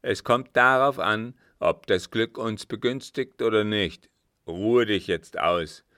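A man voicing a cold, calculating former guard captain in an audiobook, speaking louder and more forcefully than in his narration. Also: lowish voice, takes it slowly, no room sound, clean studio sound. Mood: scheming. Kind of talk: audiobook reading.

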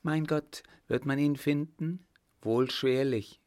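A man's voice: medium pitch, fairly even intonation, takes it slowly, darkish tone, clean tone, dry recording, studio quality, pitched above the performer's own voice, lightly acted. A man reading an audiobook voices a worried, genteel mother in a raised voice. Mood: anxious. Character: anxious older mother, genteel woman.

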